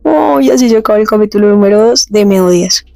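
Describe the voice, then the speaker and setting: A woman casually retelling a comic story, reading the characters' lines slowly and chatting between them. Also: medium pitch, creaky, mellow, no room sound. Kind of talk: casual comic recap with read-out dialogue.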